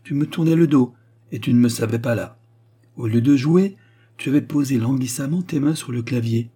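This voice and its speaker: A man's voice: medium pitch, normal speed, dark tone, husky, natural voice. A man playing a timid, doting father. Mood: tender. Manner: mild, embarrassed, timid. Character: gentle hesitant older father, doting. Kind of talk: audiobook character reading.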